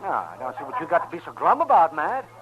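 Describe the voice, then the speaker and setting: An actor playing a crusty, folksy frontier town doctor in an old-time radio western, wry in manner. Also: male voice, on the high side, huge pitch swings, fast talker, a bit bright. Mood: wry, consoling. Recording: muffled old radio recording.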